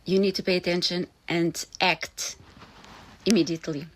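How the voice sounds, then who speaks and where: A woman from Portugal, a lawyer speaking to camera in an earnest, halting way. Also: fairly low pitch, little pitch movement, rough recording. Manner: earnest, halting, with frequent pauses. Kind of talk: direct-to-camera warning video.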